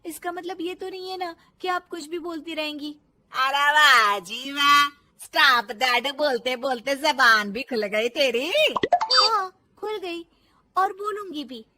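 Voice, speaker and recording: A woman voicing a meek, giggly young daughter-in-law in a cartoon story, with a high childlike voice. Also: slow, pushed and bright, full character voice. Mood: defiant.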